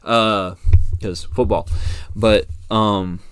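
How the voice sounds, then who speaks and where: Low-voiced rambling American podcast host. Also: male voice, extremely slow, clear, resonant tone, dry recording. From United States. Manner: rambling, relaxed, many fillers and restarts. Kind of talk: casual solo podcast chat.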